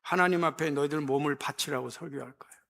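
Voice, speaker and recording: A man preaching a sermon in church as pastor, switching between quiet talk and impassioned exhortation. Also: fairly high pitch, quick pace, vocal fry. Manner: impassioned preaching, mimics voices.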